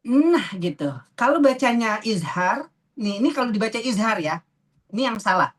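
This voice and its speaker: A woman teaching a tajwid class, patiently asking students questions and repeating terms slowly. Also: a little high, animated. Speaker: Quran recitation teacher.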